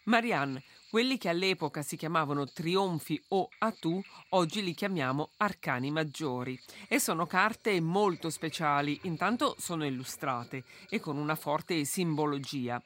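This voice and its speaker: Interviewer with a mid-pitched voice. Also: animated, unhurried, few pauses, a bit bright. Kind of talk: interview questions.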